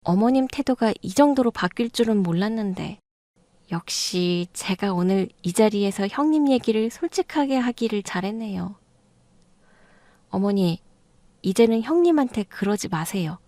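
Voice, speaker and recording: Woman doing a blunt young daughter-in-law, insistent, mellow tone, dry close sound. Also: medium pitch, expressive, normal speed, no echo, close to an everyday voice. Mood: reproachful. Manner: insistent, reproachful. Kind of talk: audio drama reading.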